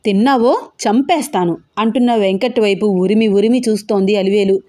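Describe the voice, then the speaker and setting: A woman narrating a family audio story in an even, plain storytelling voice. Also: mid-range voice, a little fast.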